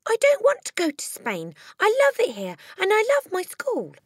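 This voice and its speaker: Eager, high-pitched little girl, Matilda. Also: huge pitch swings, moderate pace, gravelly, breathy edge, no echo, studio quality, heavily acted. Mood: distressed, pleading.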